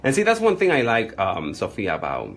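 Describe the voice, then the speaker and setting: A man's voice: lowish voice, fairly quick, a little hiss or hum. A man working as a makeup artist, chatting through an on-camera makeup demonstration and often asking questions. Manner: animated, chatty, asks the viewer questions.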